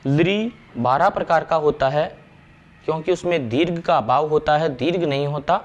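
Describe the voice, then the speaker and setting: A man's voice: a little high, highs cut off. Man teaching grammar. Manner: explains step by step, slows to recite verses and vowels. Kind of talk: classroom lecture.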